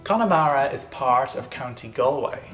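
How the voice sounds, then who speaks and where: A man's voice: mid-range voice, lively intonation, moderate pace. An Irish man telling a story in a lilting, theatrical way, as a scripted narration. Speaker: storyteller, host. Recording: roomy echo, music behind.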